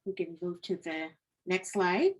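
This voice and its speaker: A woman facilitating an online training session, giving gentle, guiding instructions over a video call. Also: lowish voice, unhurried, rough recording. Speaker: workshop facilitator.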